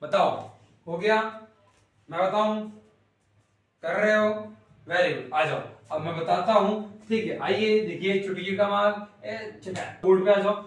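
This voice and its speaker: High-voiced teacher, echoey and distant. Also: male voice. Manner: playful, rapid, repeats questions and teases students. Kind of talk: online class lecture. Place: classroom with whiteboard. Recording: loud echo, voice from a distance.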